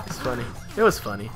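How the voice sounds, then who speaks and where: A young man chatting in a rambling, casual way while commentating a video game with a friend. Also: mid-range voice. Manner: rambling, chatty, full of likes and laughs. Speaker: gaming channel co-host.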